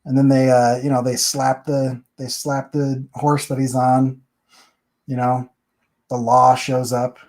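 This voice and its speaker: A man's voice: medium pitch, flat delivery, measured pace, a little mellow. A man hosting a comic book review, chatting casually and rambling as he walks through the story page by page. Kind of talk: casual chat.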